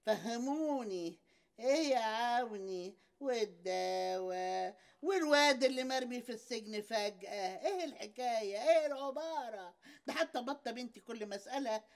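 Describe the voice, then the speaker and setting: Pushy egyptian mom-in-law, always digging for answers, highish voice. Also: female voice, expressive, normal speed. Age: older. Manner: prying, complaining, insistent questions. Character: nosy older mother-in-law, suspicious and demanding. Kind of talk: TV series acting.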